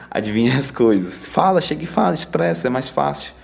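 A man's voice: medium pitch, animated, normal speed, vocal fry, faint music behind. A young man with a Brazilian Portuguese accent, sharing a casual devotional reflection in a chatty, laid-back way full of slang fillers.

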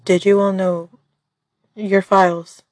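A woman's voice: medium pitch, level tone, slow pace, darkish tone, no room sound, clean studio sound. A woman voicing a strong, composed young woman who speaks with restraint in an audio drama story. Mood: wary probing.

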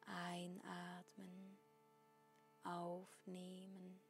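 A woman guiding a breathing meditation in a soft, breathy, half-whispered spa voice, giving calm instructions with long pauses. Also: fairly low pitch, soft background music.

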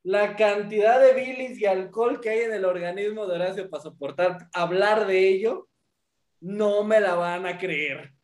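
Echoey room, man, Mexican accent, very high voice, sardonic mock-serious co-host, casual film chat. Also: moderate pace. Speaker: co-host of a movie review show.

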